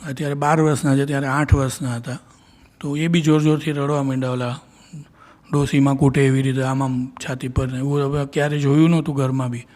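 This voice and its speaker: Speaking with a medium-pitched, darkish voice that barely moves in pitch and runs a little fast, a middle-aged Indian man addresses a devotional gathering. His talk is a personal spiritual testimony, told earnestly through memories, acted-out quotes, and many restarted sentences.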